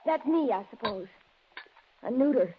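A woman's voice: fairly high pitch, animated, measured pace, a little hiss or hum. An American woman playing an adoring, naive, girlish secretary in a 1940s radio detective drama. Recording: dull vintage radio recording.

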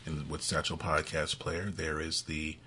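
A man's voice: a bass voice, completely flat delivery, measured pace, sharp tone, slight background noise. A man co-hosting a casual music podcast, chatty and laughing often between points. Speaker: podcast co-host.

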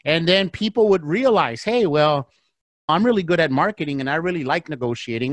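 A man talking through deals as a podcast guest, swinging from hushed asides to emphatic bursts. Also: fairly high pitch, no echo. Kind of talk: casual podcast talk. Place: Arizona.

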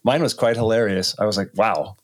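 A podcast co-host with a lowish, brisk voice trades dry, wry jokes in easygoing casual chat.

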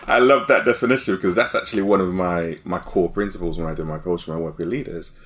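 A male podcast host with a very deep voice, warmly affirming what his guest says before moving to the next question. He talks in a relaxed conversational way. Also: quick pace. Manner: enthusiastic, affirming interviewer. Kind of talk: interview chat.

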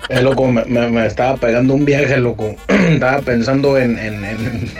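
A man's voice: mid-range voice, moderate pace, faint music behind. A man doing a rambling, slangy comic radio bit. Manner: rambling and slangy, says "loco" often.

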